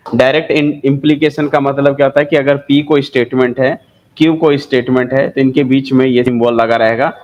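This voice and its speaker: A man's voice: medium pitch, a little mellow, dull audio. A man with an Indian accent teaching a maths lesson, who repeats key terms and asks and answers his own questions. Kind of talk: classroom lecture.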